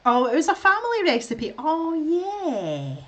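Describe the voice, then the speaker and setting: A woman's voice: sits high, huge pitch swings, unhurried, fairly bright tone. A middle-aged woman with a Scottish accent chatting casually to viewers while she colours, rambling and laughing often. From Scotland. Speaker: art streamer.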